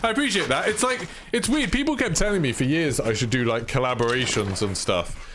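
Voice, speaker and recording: British man, live-stream chat, rambling and self-deprecating, very animated pitch. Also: fairly quick, a little hiss or hum. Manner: chatty, self-deprecating, lots of "like".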